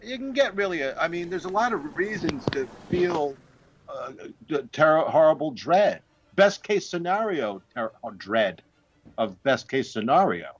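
A man calling into a talk show over Skype from home, his hollow audio sounding as if he is at the bottom of a well, talking in a wry, halting way with restarts. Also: a little high, sing-song, slight background noise. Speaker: guest on a call-in show. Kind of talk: casual chat. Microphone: Skype call from home. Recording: dull lo-fi Skype line.

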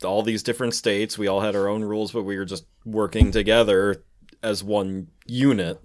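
A man's voice: on the low side, little pitch movement, normal speed. A man co-hosting a podcast in casual chat, laid-back and fond of sharing fun facts. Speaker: podcast co-host.

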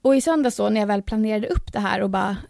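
Young woman podcast co-host, gravelly low-end fry, dry close sound, animated. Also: dry recording. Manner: lively, swearing, animated storytelling. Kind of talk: casual chat.

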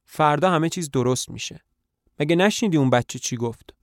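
A man's voice: on the high side, animated, no echo, clean studio sound. A man voicing a fretful, talkative older tramp who asks probing questions and coaxes his friend. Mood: questioning. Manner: probing questions, coaxing reassurance.

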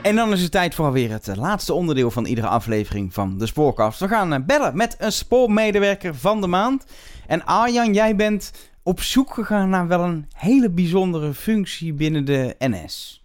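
A man's voice: sits high, animated, normal speed. A man hosting a podcast, chatting casually and musing about ideas. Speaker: podcast host.

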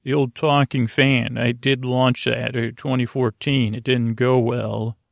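A man hosts a podcast, giving a soothing, roaming bedtime monologue in a creaky voice, stumbling into repeats and leaving stretched pauses. His medium-pitched delivery is flat, and the studio-grade audio has no room sound.

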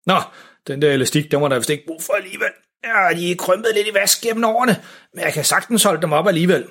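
A man voicing a cheerful, clueless middle-aged father in a storybook reading, upbeat and bumbling, with a husky voice. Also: high-pitched, a bit bright, pitched above the performer's own voice. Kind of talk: storybook narration.

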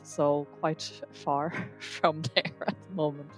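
A woman's voice: low-pitched, steady tone, slow, soft background music. A woman from Ireland, a professor, explaining things precisely in an interview. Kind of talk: interview testimony.

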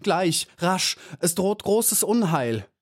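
A man's voice: sits high, big pitch swings, slow, pitched above the performer's own voice, heavily acted. A man voicing a small young female bee who speaks in breathless, pleading bursts. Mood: urgent.

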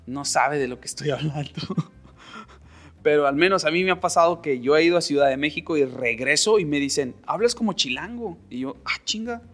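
A man's voice: a little high, fairly bright tone. A man from Monterrey, Mexico, with a northern Mexican accent, hosting a casual solo podcast, opinionated and chatty, laughing often and mimicking people. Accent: Monterrey Mexican Spanish. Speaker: podcast host.

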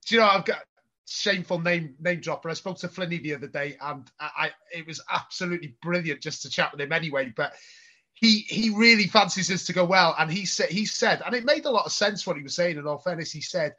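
A man's voice: on the high side, brisk, sharp tone. A man chatting casually about football on a podcast, hesitant, with lots of ums. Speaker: podcast guest. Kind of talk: casual chat. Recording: slightly muffled audio.

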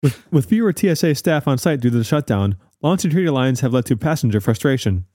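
A man's voice: mid-range voice, sing-song, fast talker, mellow, no echo, studio quality. A man playing an earnest, insistent TV news investigative reporter in a mock-serious parody report.

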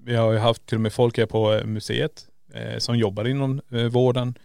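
A man with a gravelly, fry-tinged voice co-hosts a casual podcast chat. He muses out loud and poses rhetorical questions. The sound is dry and close. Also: mid-range voice, little pitch movement, no room sound. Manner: musing, asks rhetorical questions. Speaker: podcast co-host. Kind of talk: casual conversation.

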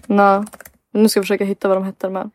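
Young woman, podcast co-host, casual chat, animated storyteller, lots of fillers, dry close sound. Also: medium pitch, no room sound. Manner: animated storytelling, heavy filler words, acts out quotes.

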